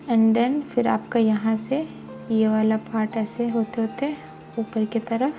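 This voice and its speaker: A woman's voice: a little high, creaky, lo-fi sound. A woman teaching a drawing lesson step by step, often checking that her students follow. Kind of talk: casual drawing tutorial.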